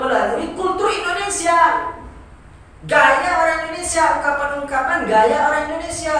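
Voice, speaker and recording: A man's voice: extremely high pitch, bright, forceful tone. A man teaching an Arabic class in a joking way, often laughing and mimicking students' broken Arabic. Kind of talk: informal classroom lecture. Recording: very echoey room, voice far from mic, faint noise.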